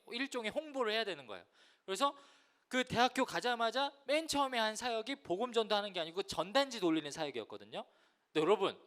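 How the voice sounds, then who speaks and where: A man in his thirties preaching a lively youth sermon, telling a story and acting out the voices in it. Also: high voice. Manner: animated, acts out quoted voices, addresses listeners directly. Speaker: youth pastor.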